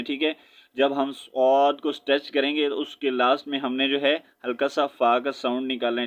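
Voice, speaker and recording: A man with a Pakistani Urdu accent teaching a Quran lesson, spelling out syllables slowly and chanting verses in a drawn-out melody. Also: mid-range voice, clean tone, narrow, tinny audio.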